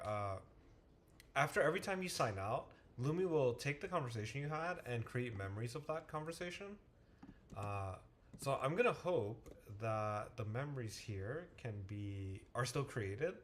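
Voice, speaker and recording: A man's voice: medium pitch, expressive, normal speed, slight background noise. A man who tutors math, talking casually to a livestream and thinking aloud, with frequent restarts and self-corrections. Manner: muttering to himself while waiting on the screen.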